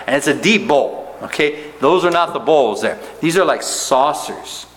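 A man's voice: on the high side, lively intonation, unhurried, a bit bright, long reverb tail, a little hiss or hum, low-quality recording. A male pastor teaching verse by verse in a conversational way, often checking in with "right?" and "okay?".

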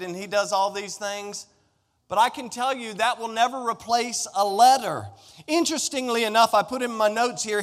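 A middle-aged American pastor with a high, slightly bright voice preaches conversationally and emphatically, directing rhetorical questions at his listeners. The recording is from an echoey hall with long reverb.

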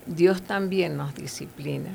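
A woman's voice: deep voice, measured pace, gravelly, darkish tone, a little hiss or hum. A woman giving earnest, conversational Bible teaching, with fillers and tag questions.

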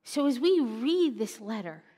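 A woman preaching a sermon, telling the story with animated expression and dropping to a hush for solemn points. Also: a little high, unhurried, breathy edge. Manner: animated storytelling, acts out mocking voices, drops to a hush for solemn moments. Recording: long reverb of a church hall.

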